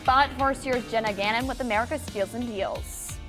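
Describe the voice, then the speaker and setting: A woman reading news stories and time checks as a morning TV anchor, with a bright, upbeat delivery. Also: a little high, moderate pace, over loud music. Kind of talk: read news copy. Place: TV news studio.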